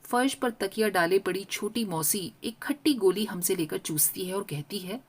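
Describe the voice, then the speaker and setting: Expressive woman reading a story aloud. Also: mid-range voice, normal speed, slightly rough. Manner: expressive, voicing a young girl in first person. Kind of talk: scripted story narration.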